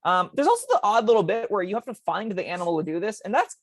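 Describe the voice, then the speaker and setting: A woman co-hosting a casual tabletop game podcast, talking in quick chatty bursts with plenty of ums. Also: medium pitch, big pitch swings, no echo. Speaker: co-host discussing tabletop spells.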